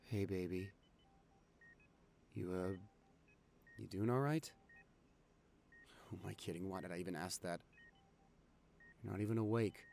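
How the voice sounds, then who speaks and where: A young man voicing a caring, anxious boyfriend in an audio role-play, talking softly and reassuringly to his sick partner. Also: low-pitched, measured pace, gravelly, pauses often, slight background noise. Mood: subdued remorseful. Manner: soft, soothing, reassuring. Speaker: voice actor reading a listener script.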